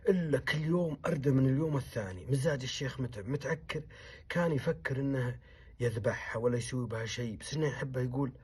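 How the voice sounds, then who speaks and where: A man tells a traditional tale at a brisk clip, his voice husky and a little rough. He swings between loud, commanding outbursts and low, muttered asides as he acts out each character. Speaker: poet and storyteller. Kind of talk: oral storytelling, acting out characters.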